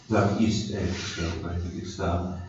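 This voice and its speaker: A man's voice: sits low, steady tone, a little slow, a little mellow. A man leading an informal Bible study, talking conversationally, repeating and restarting words and putting questions to the group. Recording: echoey room from a distant mic, dull sound, faint noise.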